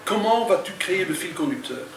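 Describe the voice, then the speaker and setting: Lively male interviewer, distant mic. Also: high voice, brisk. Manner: lively, encouraging prompts. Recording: echoey room, distant mic, noise.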